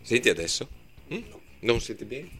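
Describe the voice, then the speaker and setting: A man's voice: mid-range voice, very animated, moderate pace, pushed and bright. A man with a Veneto accent hosting a live radio show, chatty and effusive with a theatrical flair. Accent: Italian, Veneto. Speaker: radio host. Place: radio studio.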